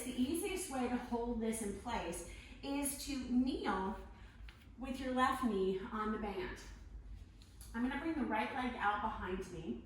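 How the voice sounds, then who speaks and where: A woman leading a workout class as an aerobics instructor, counting and cueing moves in short encouraging commands as she exercises along. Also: a little high. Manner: physically exerting while talking. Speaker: fitness instructor. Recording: very echoey room, distant mic, faint noise.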